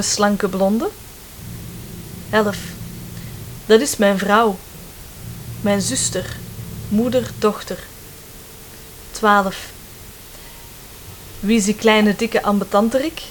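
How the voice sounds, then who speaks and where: A woman with a Flemish accent slowly reading numbered phrases for a language lesson, clear and careful. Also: mid-range voice, slight background noise, poor audio. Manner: slow, careful, clearly enunciated. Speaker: language teacher.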